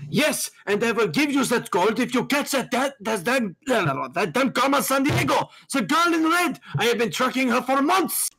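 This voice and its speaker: Brash treasure hunter, a man putting it on, bouncy pitch, drawling. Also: expressive, normal speed, hardly any pauses, fairly bright tone, husky, exaggerated voice.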